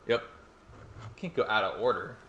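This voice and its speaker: A young male game streamer gives casual live-stream commentary from a home room at night, rambling, mocking himself, and swearing freely between fights. His voice is on the low side, pushed and bright, at a moderate pace, with a lo-fi, roomy, echoey sound.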